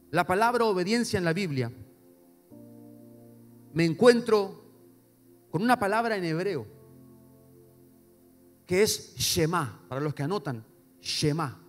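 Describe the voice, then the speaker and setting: Emphatic pastor with a lilt. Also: male voice. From Paraguay. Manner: swings between soft low asides and loud emphatic repetition. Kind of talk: sermon. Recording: long hall reverb with faint music.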